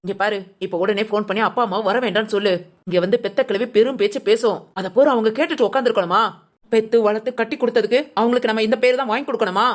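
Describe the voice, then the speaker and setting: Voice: mid-range voice, fairly even intonation, quick pace, natural voice. A performer voicing an outspoken young woman in a cartoon, blunt and scornful as she gives her friend orders. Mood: bossy. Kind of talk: cartoon family drama voice acting.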